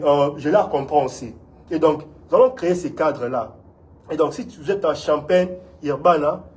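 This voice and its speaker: A man's voice: on the high side, a little mellow. A man from Congo, an instructor giving an earnest, encouraging community talk in an interview. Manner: earnest, encouraging, often asks "vous voyez?".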